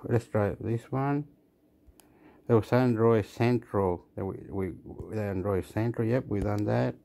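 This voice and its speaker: A man's creaky, dark, fairly low voice unfolds at an unhurried pace as he comments on a phone screen recording. He's a vlogger with an Australian accent whose talk rambles, with repeated phrases and restarts.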